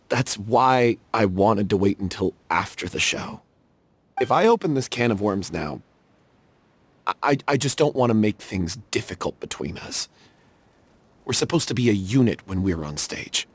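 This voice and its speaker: Anxious, conflicted troupe actor, low and husky with lively pitch. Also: male voice, no room sound. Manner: hesitant, worried. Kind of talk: video game voice acting.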